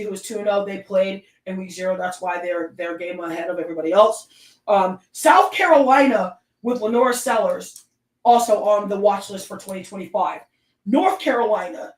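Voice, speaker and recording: A woman with a Southern accent hosting her own sports talk stream, ranting with emphatic, animated delivery. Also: medium pitch, echoey room, distant mic, poor audio. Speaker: sports show host.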